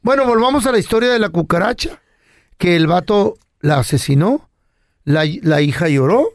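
A man co-hosting a comedy podcast, telling stories in animated, slangy casual chat. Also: high-pitched, moderate pace. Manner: animated storyteller, slangy Mexican speech. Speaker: podcast co-host.

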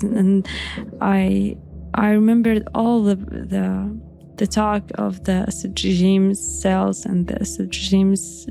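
A young woman whose first language is Arabic, recounting her own experience in halting speech, repeating words with soft nervous laughs. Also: medium pitch, gravelly. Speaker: interviewee. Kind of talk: recounting personal testimony.

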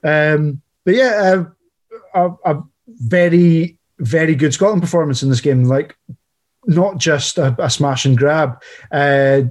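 A man co-hosting a casual football chat, halting and repeating words, with dry humour. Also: on the high side, a little mellow. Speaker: podcast co-host.

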